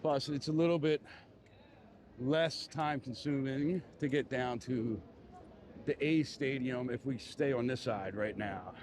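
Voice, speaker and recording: This live-streaming vlogger, a man with a Philadelphia accent, strolls a busy city street chatting loosely, rambling and dropping plenty of "you know"s. He speaks at a slightly slow pace in a medium pitch, with noise in the background.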